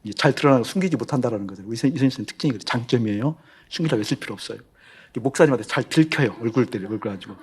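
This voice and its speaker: Fast-talking husky male pastor. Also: medium pitch, animated. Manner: conversational preaching, repeats phrases for emphasis; asks the congregation rhetorical questions. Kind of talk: sermon.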